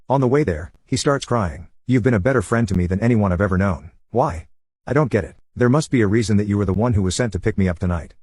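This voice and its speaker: A man narrating a first-person story at a quick clip, his voice slightly husky and on the low side. The read is brisk and steady, and it sounds dry and close, with no room around it. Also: no echo.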